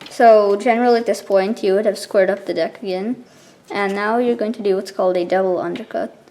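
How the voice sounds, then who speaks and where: A woman explaining something step by step in a casual, informal tutorial style, with halting pauses between steps. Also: mid-range voice, fairly even intonation, mellow. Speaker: card trick tutorial presenter.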